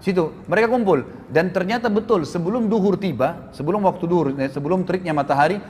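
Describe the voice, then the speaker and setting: A man preaching a sermon in a mosque, telling a story and acting out the quoted lines with lively shifts in his voice. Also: fast talker, slight background noise. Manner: animated, acts out quoted speech with shifting pitch. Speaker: Islamic preacher. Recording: distant reverberant hall recording, faint ambience.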